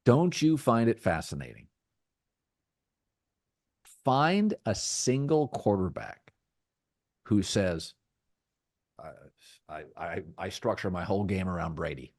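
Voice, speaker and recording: Hosting his sports talk podcast, a middle-aged man delivers thoughtful, measured remarks in a deep, rich, slightly mellow voice with a sing-song lilt, restarting phrases often. The audio is studio quality with no room sound.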